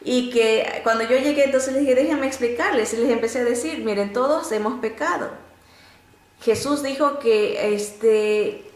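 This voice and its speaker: A woman teaching a Bible lesson through stories, animated and often pausing on "este" and restarts. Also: echoey room. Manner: animated storytelling, often rising in pitch to act out quotes; frequent filler "este" and restarts.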